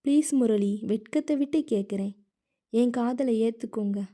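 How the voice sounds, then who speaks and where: A woman's voice: fairly high pitch, moderate pace, mellow, lightly acted. A woman voicing an earnest young woman confessing her love in an audiobook novel. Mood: pleading. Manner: earnest, pleading. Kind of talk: audiobook character reading.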